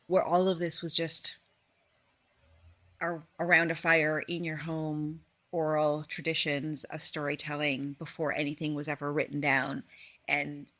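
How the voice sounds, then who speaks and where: Bright-voiced interview host, a woman. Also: sits low. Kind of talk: conversational interview.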